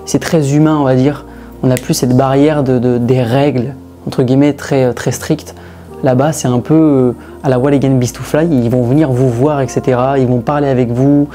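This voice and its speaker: A man's voice: mid-range voice, steady tone, normal speed, warm tone, soft background music. A man recounting his impressions to camera, hesitant and full of fillers. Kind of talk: testimonial to camera.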